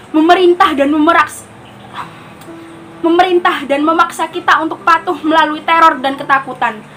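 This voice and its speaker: A woman's voice: extremely high pitch, pushed and bright, slight background noise, low-quality recording. A teenage girl playing a lonely, paranoid civilian prisoner in a stage monologue, scolding and then pleading. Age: teens. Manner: scolding, swinging from pleading to threatening. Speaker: student performing a monologue. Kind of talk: theatrical monologue.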